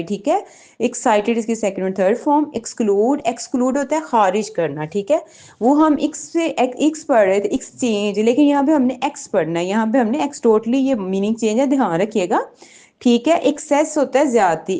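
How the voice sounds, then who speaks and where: A woman's voice: a little high, mellow. A woman teaching English vocabulary in an online lesson, patiently repeating words and checking that listeners follow.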